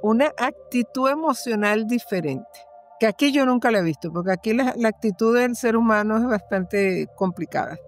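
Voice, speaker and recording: A woman's voice: a little high, animated, moderate pace, soft background music. A woman guest in an interview, telling a personal story earnestly and repeating phrases for emphasis.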